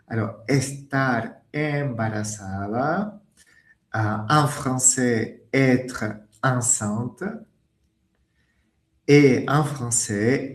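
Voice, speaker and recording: A man teaching French in a webinar lesson, patient and repeating key words, recorded in an echoey room. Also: mid-range voice.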